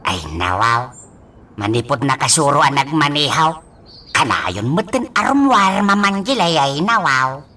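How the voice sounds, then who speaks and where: A woman's voice: sits low, sing-song, a little slow, sharp tone, distant mic, full character voice. A woman voicing a bumbling old male servant who keeps repeating a catchphrase, in a comic radio drama. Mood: whiny, pleading.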